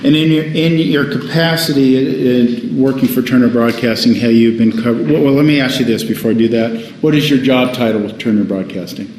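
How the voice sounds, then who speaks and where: A man's voice: medium pitch, darkish tone. Man questioning a witness, courtroom recording. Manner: halting, restarts with fillers. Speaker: defense attorney. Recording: echoey courtroom recording, faint hiss.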